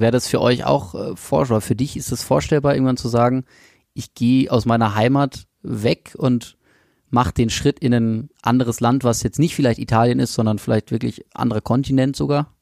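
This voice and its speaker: A man's voice: medium pitch, vocal fry, darkish tone, dry recording, clean studio sound. A man hosting a podcast interview, asking long rambling questions with many fillers. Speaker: podcast host.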